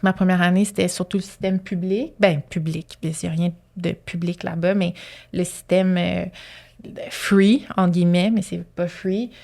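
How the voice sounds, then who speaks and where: A woman's voice: on the low side, fairly even intonation, unhurried, creaky, darkish tone. A woman in her thirties with a Québécois French accent, a surgeon who tells chatty stories in an interview and laughs often. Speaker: colorectal surgeon guest. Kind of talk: casual interview storytelling.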